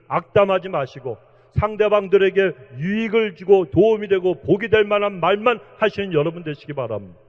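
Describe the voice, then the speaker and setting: High-voiced pastor preaching in a reverberant hall. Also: male voice. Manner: earnest, exhorting, repeatedly addresses the congregation. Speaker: senior pastor. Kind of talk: sermon. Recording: dull, reverberant church hall recording.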